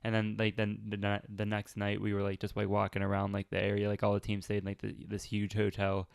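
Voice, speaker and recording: A young man in his twenties chats casually on a podcast, rambling along with constant "like"s. His low voice is gravelly yet smooth and stays fairly flat. The recording is dry and close. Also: brisk, no echo. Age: 20s. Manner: rambling, heavy use of "like". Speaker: podcast co-host. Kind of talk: casual chat. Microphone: camera and mic, filmed podcast.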